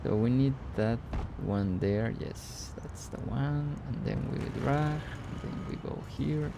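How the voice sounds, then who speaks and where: Playing a city-builder live, this streamer talks slowly in a mid-range voice with vocal fry. English is his second language; he greets chat, reasons out loud, and lets out puzzled exclamations. Background noise is audible.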